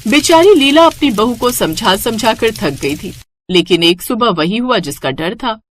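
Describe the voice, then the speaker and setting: A woman's voice: a little high, animated, unhurried, a little hiss or hum. Woman narrating a cartoon story.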